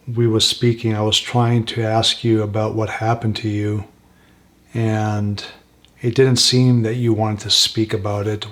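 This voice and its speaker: A soft-spoken man hosting a spirit box session, asking gentle questions slowly and leaving pauses for an answer. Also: on the low side. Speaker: paranormal investigator, host.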